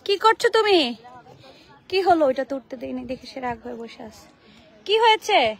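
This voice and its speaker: A young woman, vlogging at an outdoor playground. She calls anxious warnings to her child and then speaks softly to her viewers. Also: high-pitched, big pitch swings, moderate pace. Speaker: vlogger and mother. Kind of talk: casual family vlog.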